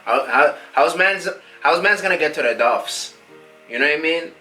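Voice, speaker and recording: A man doing a brash young street rapper. His voice is bright and punchy, with music playing faintly behind him. He rambles through heavy slang and keeps asking the listener whether they get him. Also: on the high side, lively intonation, normal speed, rough recording. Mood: rambling. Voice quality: slang-heavy rambling with endless filler tags. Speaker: musician being interviewed. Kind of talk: comedy sketch.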